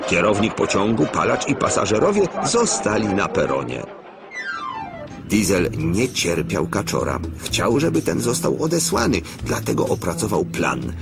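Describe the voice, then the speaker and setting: A man giving scripted, expressive storybook narration for a children's cartoon. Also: on the low side, moderate pace, vocal fry. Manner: expressive, animated reading. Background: background music.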